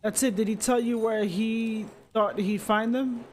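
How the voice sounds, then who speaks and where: Inquisitive young woman traveler, read plainly by a man, high voice. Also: steady tone, measured pace, a little hiss or hum.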